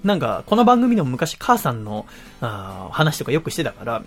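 A man's voice: mid-range voice, huge pitch swings, moderate pace, faint music behind. A man in his twenties hosting a casual radio show, rambling through stories and laughing often. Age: 20s.

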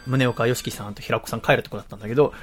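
A man's voice: medium pitch, fairly even intonation, racing. A man in his twenties hosting a casual radio show, rambling through stories and laughing often. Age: 20s.

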